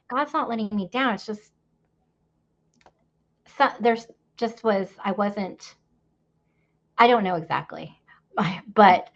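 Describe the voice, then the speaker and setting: A woman sharing her faith story in a candid, rambling way, full of fillers and laughter. Her voice has a gravelly edge and sits mid-range. The audio is slightly dull and lo-fi. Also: medium pitch, fairly bright tone. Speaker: podcast guest. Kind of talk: faith testimony conversation.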